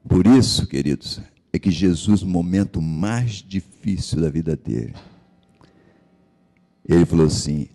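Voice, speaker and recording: A male pastor with a Capixaba Brazilian accent delivers an impassioned sermon. His low voice has a gravelly edge and swoops widely in pitch. He takes his time, asking the congregation question after question. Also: animated, unhurried, pauses often, dark tone. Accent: Capixaba Brazilian Portuguese. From Espírito Santo, Brazil. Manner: impassioned preaching, asks the congregation rhetorical questions.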